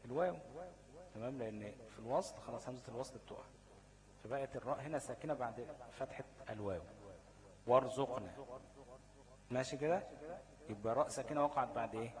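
A man with an Egyptian Arabic accent explains tajweed recitation rules, often checking that his students follow and turning key words into questions for them. His voice is medium in pitch with a darkish tone, and he talks fast. The recording is rough.

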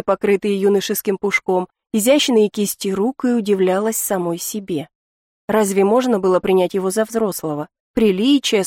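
A woman narrates a first-person audiobook in a measured, intimate way. Her voice sits in the middle of the range for a woman. The recording is dry and close, with no sound of the room. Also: mid-range voice, warm tone, dry recording.

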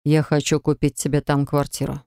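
A woman voicing a decisive husband, audiobook, flat, smooth, dry. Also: deep voice, brisk, no room sound. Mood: firm. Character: cool, decisive husband, grown man. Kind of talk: audiobook character voice.

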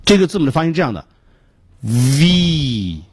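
Man, husky voice, lively rising and falling pitch, patient radio pronunciation teacher, demonstrates sounds slowly. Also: no room sound.

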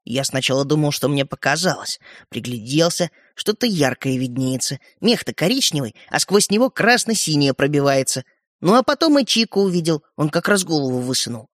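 A man voicing a quick-witted, proud young boy who explains things plainly. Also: a little high, sing-song, a bit bright, dry recording, clean studio sound. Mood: explaining.

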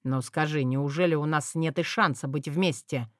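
A woman's voice: no room sound, clean studio sound, lightly acted. A woman voicing a sly, menacing male lord. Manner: low, menacing, drawn-out lines. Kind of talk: audiobook character voice.

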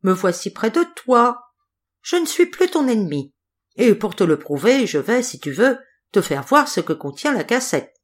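Woman putting on a small shrill spiteful mouse. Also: big pitch swings, normal speed. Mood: wheedling. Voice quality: small high voice. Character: spiteful grey mouse, cursed wicked fairy.

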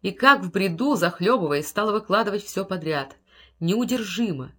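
A woman narrating a literary story in a measured, dramatic storytelling manner. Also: medium pitch, expressive, a bit bright. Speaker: audiobook narrator.

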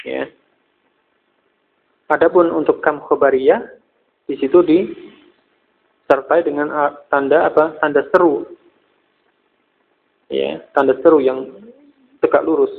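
A man with an Indonesian accent teaches an Arabic grammar lesson in a small prayer hall, speaking slowly, repeating terms and asking himself questions. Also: on the high side, steady tone, gravelly. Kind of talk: recorded study-circle lesson. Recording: phone-like tinny audio.

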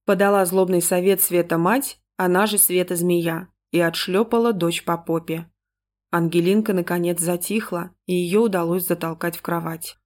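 A woman's voice: fairly low pitch, steady tone, moderate pace. Woman narrating a story with irony. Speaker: audiobook narrator. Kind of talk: scripted narration.

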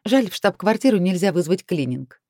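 A woman voicing a feisty, sharp-tongued young heroine who speaks sarcastically. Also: on the low side, very animated, moderate pace, no room sound, clean studio sound. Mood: playful. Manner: sarcastic, emphatic.

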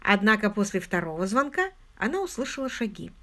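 A woman narrating an audiobook in an expressive, scripted reading style. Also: medium pitch, a little fast.

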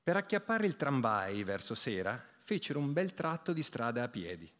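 A man reading a literary short story aloud on the radio, with expressive storytelling. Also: mid-range voice, moderate pace. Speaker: radio reader.

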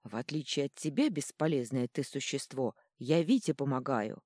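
A woman's voice: low voice, sing-song, measured pace, dark tone, husky, no room sound, studio quality, full character voice. A woman voicing an ancient male stone troll who grumbles and snaps bluntly. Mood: grumbling.

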